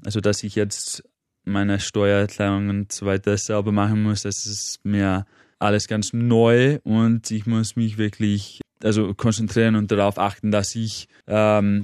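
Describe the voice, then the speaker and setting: A man in his thirties from England, with English as his first language, speaking German as a studio guest in an energetic, halting way, stopping to search for words. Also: lowish voice, clean tone, no echo. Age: 30s. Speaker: guest, motivational trainer. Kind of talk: interview answers. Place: radio studio.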